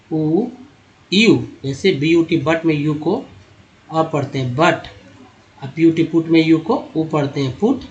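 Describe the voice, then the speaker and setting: Male teacher, slightly high voice, patient step-by-step pronunciation drills. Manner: repetitive, explains step by step, addresses viewers as friends. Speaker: English teacher. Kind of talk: spoken pronunciation lesson.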